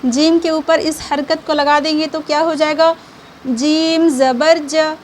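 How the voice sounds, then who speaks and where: A young adult woman giving an online reading lesson. She talks patiently, checks in often with short confirmations, and sounds out each syllable slowly and clearly. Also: high voice, flat delivery, slight background noise. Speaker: Quran reading teacher.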